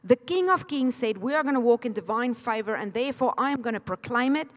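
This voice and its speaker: A middle-aged woman preaches with fervent conviction, her fairly high voice pressing the congregation to answer back. Her words ring out with the long reverb of a church sanctuary. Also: lively intonation, a little fast. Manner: fervent, exhorting, leads the congregation in call and response. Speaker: pastor. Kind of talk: sermon.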